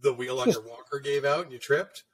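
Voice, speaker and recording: A man in casual conversation, spinning stories with lots of energy and swearing. His pitch sits in an ordinary middle range for a man. He laughs often between lines. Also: brisk. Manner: animated storyteller, swears freely, laughs often. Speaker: podcast co-host, tattoo artist. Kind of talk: casual chat.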